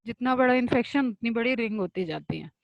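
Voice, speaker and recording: High-pitched woman teacher, talks students through each term step by step; dry, slightly dull audio. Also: expressive, creaky, dry recording. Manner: explains step by step, asks and answers own questions, reads definitions slowly. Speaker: biology teacher. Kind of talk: online class lecture.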